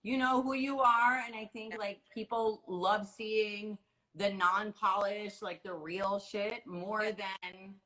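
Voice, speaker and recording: Bright, gushing radio host woman. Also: mid-range voice, steady tone, slow pace, poor audio. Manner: enthusiastic, gushing, swears casually. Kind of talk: casual interview.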